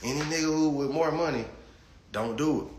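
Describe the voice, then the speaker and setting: On a casual stream, a man in his late twenties reads viewers' comments, talking bluntly and profanely and repeating words as he launches into thoughts. He speaks briskly in a voice on the high side. The audio is roomy, with background noise.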